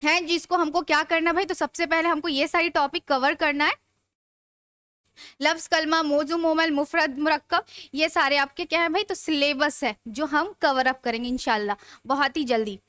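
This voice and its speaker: A woman's voice: high-pitched, fairly even intonation, moderate pace, pushed and bright, no echo, studio quality. A young woman teaching an online grammar class, chatty and asking her students rhetorical questions as she goes. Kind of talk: live online class lecture.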